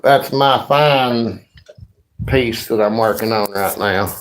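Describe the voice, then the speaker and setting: A man's voice: fairly low pitch, takes it slowly, a little hiss or hum. A man from Northeast Tennessee with a thick Appalachian accent, chatting casually and folksily as he hosts a livestream. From Northeast Tennessee, USA. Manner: folksy, informal rural grammar. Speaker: livestream host and woodworking maker. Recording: roomy, echoey indoor sound.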